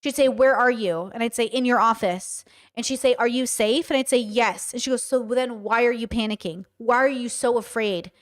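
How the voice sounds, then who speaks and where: A streamer in her thirties, with a fairly high voice and normal speed, reads her live chat and comments off the cuff. She's candid and profane, constantly tossing rhetorical questions back at viewers.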